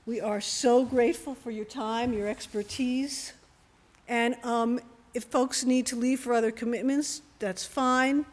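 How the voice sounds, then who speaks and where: Higher-voiced woman introducing a speaker, echoey hall. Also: steady tone, unhurried. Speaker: event organizer introducing a speaker. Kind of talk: prepared introduction speech. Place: church hall. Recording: echoey hall, long reverb.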